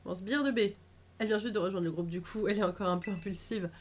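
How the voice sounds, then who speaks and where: A woman's voice: mid-range voice, quick pace, slight background noise, lightly acted. A woman voicing a cocky young female gang grunt in a game, with a bratty, mocking put-on accent. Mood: smug.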